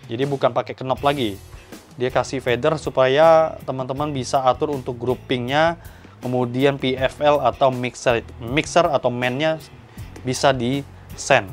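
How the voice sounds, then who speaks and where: A man's voice: medium pitch, steady tone, unhurried, faint music behind. A man giving an enthusiastic, explanatory product review as a shop owner, talking to viewers.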